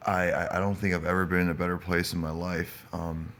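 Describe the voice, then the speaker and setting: Deep, creaky-voiced man, stoned and rambling. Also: level tone, a bit bright. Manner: stoned, hazy, halting and rambling. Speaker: live-streaming vlogger. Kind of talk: casual rambling chat to live viewers.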